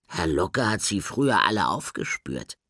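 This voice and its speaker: A man voicing a grumbling, wistful male bird with claws in an audiobook, drawn out and slow. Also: deep voice, very animated, sharp tone, no echo, clean studio sound, voice pushed up, heavily acted. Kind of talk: audiobook character voice.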